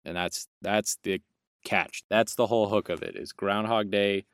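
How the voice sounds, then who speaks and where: Low smooth-voiced man riffing on movies. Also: steady tone, unhurried, no echo. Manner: rambling, jokey, self-correcting. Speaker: podcast co-host. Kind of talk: casual film review chat.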